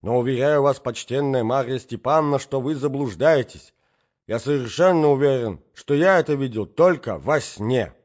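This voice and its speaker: A man's voice: medium pitch, moderate pace, darkish tone, voice pushed up, lightly acted. A man voicing a befuddled elderly prince who agrees vaguely and loses his thread, in a dull lo-fi recording. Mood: confused.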